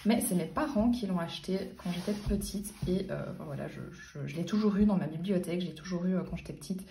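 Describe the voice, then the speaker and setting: A book vlogger in her late twenties talks casually about her book collection, hesitating often with fillers and restarts. Her fairly low voice is warm and creaky and moves quickly, while the roomy recording leaves her sounding far from the mic.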